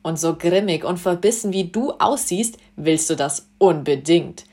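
A woman voicing a cocky, cheerful young male sun god who talks loud and full of himself in a storybook reading. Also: fairly low pitch, measured pace, close to an everyday voice. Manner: loud, showy, self-assured.

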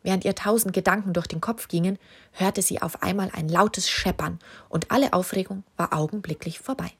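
A woman narrating a children's story, calm and expressive in her reading. Her voice is low for a woman, with a husky, breathy edge. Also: a little fast.

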